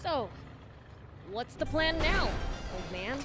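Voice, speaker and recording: Cheeky high demon kid prince, bouncy voice, music going behind. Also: female voice, sing-song, slow, heavily acted. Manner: cheeky, blunt.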